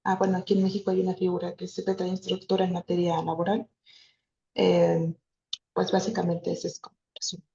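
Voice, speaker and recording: A woman's voice: fairly low pitch, completely flat delivery, a little fast, vocal fry, mellow. A woman from Mexico, a court clerk and master's student, introducing herself in a matter-of-fact way on a video call. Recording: echoey, dull room audio with faint noise.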